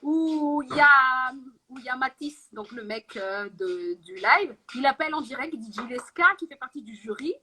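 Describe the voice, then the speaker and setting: Female singer, high bright voice, eager rambling talker. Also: expressive. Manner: chatty, rushes through stories with quick asides. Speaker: singer and interview guest. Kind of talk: live singing then casual chat.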